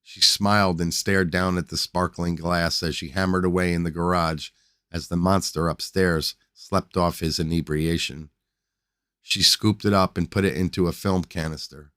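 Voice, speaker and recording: A low-pitched man reading a dark short story for his podcast, steady and measured, stumbling now and then on a word. The recording is dry and close, with no room sound around him. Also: smooth, no echo. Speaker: podcast host and story reader. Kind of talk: scripted short story narration.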